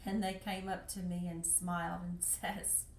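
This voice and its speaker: A woman's voice: lowish voice, level tone, a little slow, roomy sound, a little hiss or hum. An American woman talking to the camera about her travels, emotional and close to tears, pleading and repeating herself with passion. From United States. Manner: impassioned, pleading, repeats phrases. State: tearful, emotional. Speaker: vlogger. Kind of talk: emotional personal monologue.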